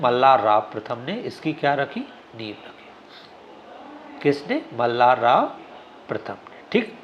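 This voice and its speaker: A man's voice: medium pitch, muffled recording, slight background noise. A male exam coaching teacher giving a classroom lecture. He keeps asking questions and answering them himself, often checking with "ठीक है?".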